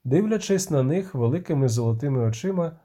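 A man narrating a fantasy audiobook in an expressive, measured way. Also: a little high. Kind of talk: scripted narration.

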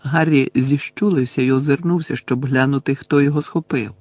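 A man reading an audiobook aloud with expressive storytelling. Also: medium pitch, brisk, dry recording. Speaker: audiobook narrator.

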